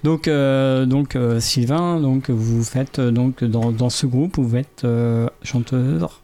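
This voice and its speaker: A man's voice: medium pitch, slow, warm tone. A man hosting a radio interview, prompting his guests with friendly questions. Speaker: radio host.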